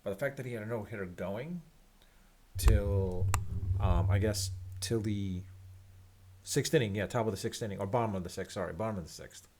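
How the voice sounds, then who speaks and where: A man giving an unscripted, resigned sports rant to viewers, rambling and halting as he repeats his phrases. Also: lowish voice, warm tone, slight background noise. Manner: resigned, disappointed fan. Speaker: sports fan vlogger.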